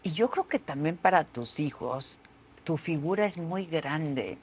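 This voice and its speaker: A woman's voice: deep voice, expressive, unhurried, husky. A woman interviewing a guest, dropping in short, sympathetic remarks. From Mexico. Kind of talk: conversational interview.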